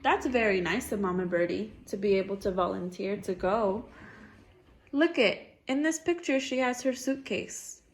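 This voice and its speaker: A medium-pitched woman reads a storybook to a child at a normal pace, turning it into a back-and-forth with questions. She encourages the child and repeats their answers back in question form.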